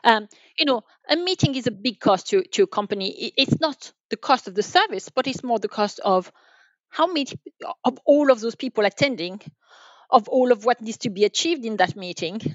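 Speaking as an enterprise sales manager on a podcast, a woman gives conversational, business-focused answers in an expressive voice on the high side. She hesitates and repeats words as she thinks them through. The sound is dry and fairly dull, like a band-limited online call, with no room sound.

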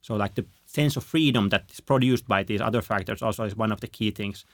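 A man's voice: fairly low pitch, brisk, dry recording, studio quality. A man from Finland, a researcher guest in an interview, talking in a hesitant way with many fillers and restarts. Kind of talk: conversational interview.

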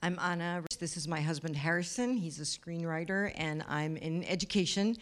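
A woman's voice: fairly low pitch, moderate pace. A woman in education introducing herself and her husband to an investor group, matter-of-fact. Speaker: educator and investor club member.

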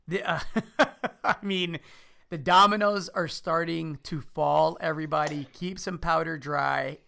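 A man's voice: on the high side, gravelly, bright, forceful tone. A man from Chicago co-hosting a finance podcast, talking upbeat and addressing listeners directly. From Chicago, USA. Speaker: podcast co-host. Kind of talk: casual finance podcast chat.

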